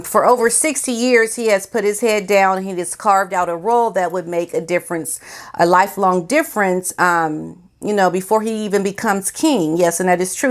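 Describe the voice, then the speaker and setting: Speaking on the low side, an American woman shares her opinions casually as a vlogger. Her delivery is sassy, colloquial, and emphatic.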